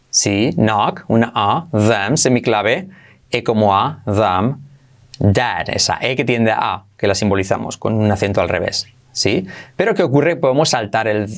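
A man from Spain with a Spanish accent, teaching English phrases in an energetic lesson and coaxing the listener to repeat after him. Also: fairly low pitch. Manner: drills phrases slowly, coaxing "come on, repite conmigo".

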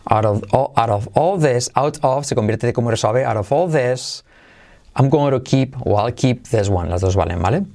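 A man with a Spain Spanish accent teaching an English lesson to Spanish speakers, saying model phrases slowly and checking in with "¿vale?". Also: mid-range voice, creaky, dark tone. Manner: slow, careful model phrases, asks "¿vale?" often.

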